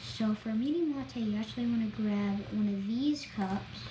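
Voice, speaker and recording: A woman talking through a video game as she plays, chatty and excitable, narrating each step. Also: fairly high pitch, normal speed. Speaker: gameplay vlogger. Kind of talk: gameplay commentary. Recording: roomy echo, faint background noise.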